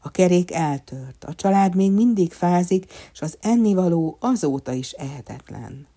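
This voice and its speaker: A woman voicing an earnest, anxious little wood elf in a storybook reading, pleading and higher than her narration. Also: expressive, dark tone.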